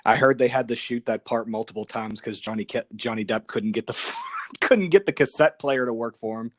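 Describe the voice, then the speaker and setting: A man's voice: mid-range voice, fairly quick, no room sound, clean studio sound. A man guesting on a podcast, chatting casually, sharing movie trivia and laughing often.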